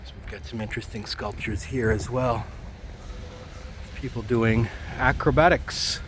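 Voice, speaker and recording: Low-pitched man narrating outdoors over street noise. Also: fairly even intonation, unhurried, a bit bright. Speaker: walking tour guide. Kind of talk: casual walking vlog narration. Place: outdoors, walking on a campus. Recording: clear outdoor traffic and ambient noise.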